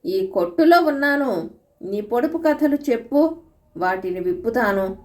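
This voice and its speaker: A young newly wed hero calls out defiantly, eager to answer every riddle, as a woman narrator plays him. Her voice lifts higher and louder than her plain telling. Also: lively intonation, a little slow. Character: young bridegroom hero, bold once helped. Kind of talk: storybook reading.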